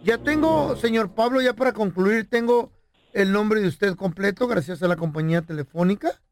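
A man's voice: high voice, normal speed, no room sound. A man hosting a radio prank show, switching from polite salesman patter to slangy joking banter.

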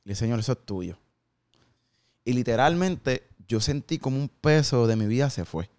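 A man in his thirties gives a heartfelt testimony in an interview. His voice is smooth and clear, at an ordinary pitch, and he acts out the conversations he remembers with slangy asides. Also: lively intonation, fairly quick, a little mellow. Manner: earnest storytelling with quoted dialogue, slangy asides.

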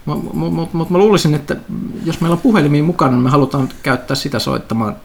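A man at a tabletop game table, chatting casually and working things out aloud. His voice is a little higher than most men's and has a gravelly crackle of vocal fry. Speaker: player.

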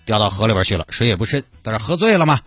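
A man's voice: fairly low pitch, very animated, very fast, a bit bright, dry recording, soft background music. A man hosting a radio show, telling a news story in a playful, teasing way. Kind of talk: comic news chat.

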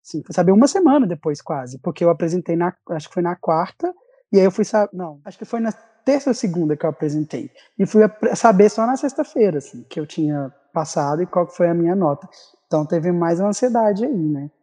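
Here a recent graduate guest, a young man with a Brazilian accent, tells a story with animation over a video call from his home desk, restarting a lot in the casual chat. His voice is high-pitched, expressive and brisk, with a dark tone and no room sound.

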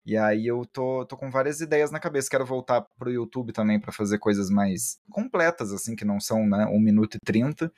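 A man's voice: medium pitch, brisk, few pauses, darkish tone, no echo. Male interview guest, self-described shy, hesitant delivery with frequent restarts, plain mid-range voice on a dry close mic. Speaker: interview guest, book content creator. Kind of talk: casual interview chat.

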